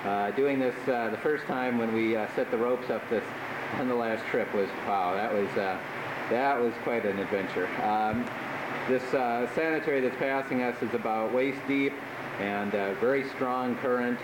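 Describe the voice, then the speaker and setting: A man giving casual, halting commentary on an exploration video, recorded with a cave echo in an underground tunnel. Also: mid-range voice. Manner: halting, trailing off mid-sentence. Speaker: expedition narrator filming the trip. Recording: echoey underground tunnel, clear background noise.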